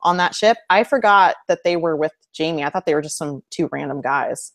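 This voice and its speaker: A woman's voice: low voice, a little fast, fairly bright tone. Chatty, opinionated woman co-host. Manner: chatty, opinionated, laughs while talking. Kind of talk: casual fan discussion. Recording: web show hangout recording.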